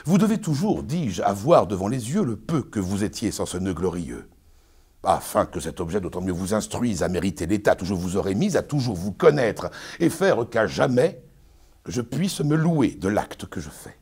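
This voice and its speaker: A man's voice: on the low side, sing-song, normal speed, a little mellow, breathy edge, exaggerated voice. A man playing a pompous, domineering bourgeois husband, declaimed as hammy classical verse theatre. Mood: stern, condescending. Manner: hammy, declamatory stage acting. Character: pompous, domineering bourgeois master lecturing his young bride.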